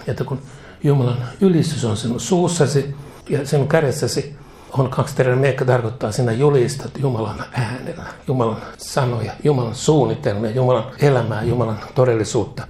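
A man's voice: mid-range voice, warm tone. A man preaching a sermon, leading a spoken prayer that he repeats line by line, with fervent delivery and casual asides.

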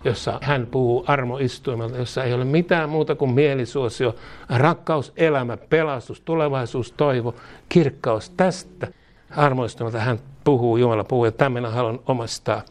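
A man's voice: medium pitch, a little mellow. A man preaching a sermon, fervent, leading a repeated prayer and speaking in tongues. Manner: fervent, prays aloud repeating each line. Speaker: pastor.

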